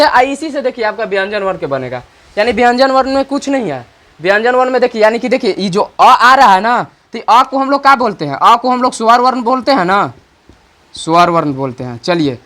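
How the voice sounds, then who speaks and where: A man with an extremely high, fairly bright voice teaches grammar online. He repeats every point, poses questions and answers them himself, and dictates slowly while writing.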